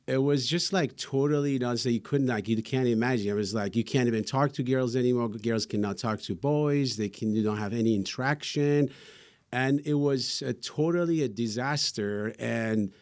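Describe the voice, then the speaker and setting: A man's voice: mid-range voice, normal speed. Earnest middle-aged Iranian-accented man. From Iran. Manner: earnest, rambling with many fillers. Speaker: guest. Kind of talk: interview answers.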